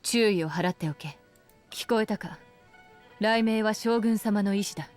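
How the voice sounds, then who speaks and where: Woman doing a stern general lady for a game, curt orders, lowish voice. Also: a little slow, a little mellow, faint music behind, natural voice. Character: stern, commanding female general. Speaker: game character, Japanese dub.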